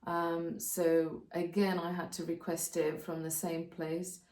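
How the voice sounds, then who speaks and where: A woman, calmly explaining practical steps in a casual vlog, often pausing to think. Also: fairly low pitch, distant mic. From Slovakia. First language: Slovak. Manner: practical, step-by-step explaining with frequent hesitations. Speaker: co-host of a channel about moving abroad. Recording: roomy sound, voice off-mic.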